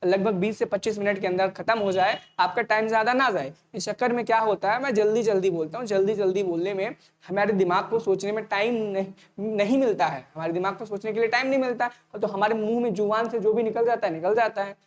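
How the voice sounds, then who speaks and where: A man teaching an online exam-prep lecture, talking fast and repeating each point as a question to the students before answering it himself. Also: high-pitched, steady tone, a little hiss or hum. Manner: casual, addresses students directly.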